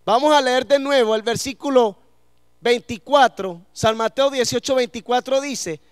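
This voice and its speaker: A man's voice: extremely high pitch, normal speed, smooth, dry recording, clean studio sound. A man preaching a sermon to a congregation in church, asking them questions and letting them answer.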